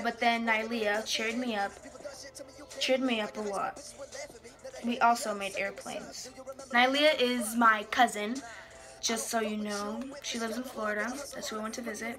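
A woman's voice: on the high side, moderate pace, long pauses, music in the background. A teenage young woman reading aloud casually and adding amused, self-deprecating asides. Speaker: vlogger. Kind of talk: casual reading aloud from old journal with commentary. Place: small bedroom, indoors.

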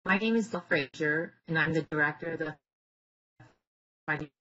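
Woman, low voice, dull muffled call sound that cuts in and out, husky, halting with fillers and restarts. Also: a bit bright. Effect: audio cutting in and out. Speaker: division director. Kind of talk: webinar introduction over a call. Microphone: home computer, no headset.

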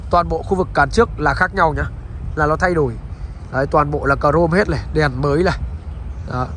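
A man's voice: on the high side, fairly bright tone, slight background noise. A man narrating a used car sales walkaround, in a dealer's patter that keeps politely addressing the viewers. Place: outdoors beside and inside a car on a roadside.

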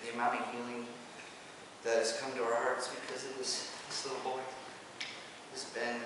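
A man giving a halting, emotional personal testimony to camera as a father, on old home camcorder audio. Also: medium pitch, completely flat delivery. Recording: roomy, distant, hissy home camcorder sound.

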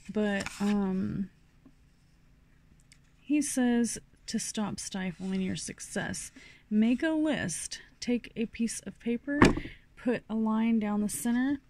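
A middle-aged tarot reader from New Mexico gives a rambling, casual reading packed with fillers and restarts. Her voice is mid-range and mellow.

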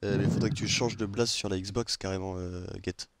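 A man's voice: lowish voice, steady tone, heavy background noise. A man with a French accent chatting casually and joking with friends while streaming a game, swearing often. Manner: fast, rambling, laughs often. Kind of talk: casual gaming chat with friends.

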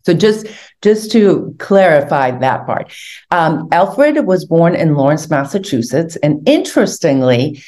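Older lady from hungary on a webcam call, low warm voice, talks with her hands. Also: a little slow. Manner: animated storytelling, gesturing with hands. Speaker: guest, tour organizer. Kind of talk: video call interview. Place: home room indoors. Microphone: video call webcam.

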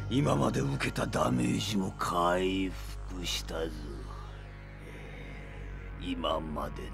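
A man's voice: fairly low pitch, gravelly, heavily acted. An actor playing a cruel, megalomaniac vampire villain in a Japanese audio drama, theatrical and gloating, drawing out his menace. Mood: savoring ecstasy. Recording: music bed under the voice.

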